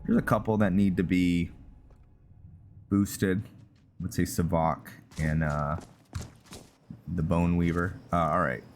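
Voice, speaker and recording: A gaming channel host with a low, steady voice speaks slowly and pauses often over music, casually commenting on a roleplay game and rambling as he thinks aloud while playing. The background is clearly noisy.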